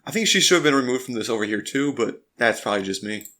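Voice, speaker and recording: A man's voice: medium pitch, expressive, quick pace, bright, forceful tone, faint music behind. A man hosting a let's play, reading visual novel narration aloud with casual, chatty asides in between.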